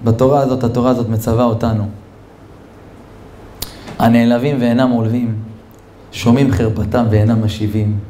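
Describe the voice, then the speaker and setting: A man voicing a calm, gentle male yeshiva scholar who speaks solemnly and quotes scripture. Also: medium pitch, pauses often, reverberant, slight background noise, voice pushed down, close to an everyday voice.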